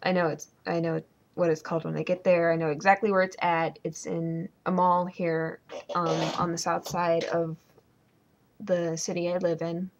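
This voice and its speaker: A woman's voice: fairly low pitch, flat delivery, normal speed, lo-fi sound, a little hiss or hum. A young woman casually ranting and rambling at home for her vlog, sarcastic and full of ums. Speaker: vlogger.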